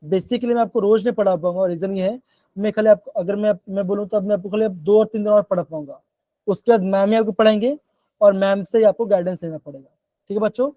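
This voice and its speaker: A man's voice: high-pitched, quick pace, mellow, no room sound, lo-fi sound. A man teaching a live online chemistry class, coaxing students with repeated check-ins. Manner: coaxing, repeats "bachchon" and "theek hai". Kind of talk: live online class in Hindi-English mix.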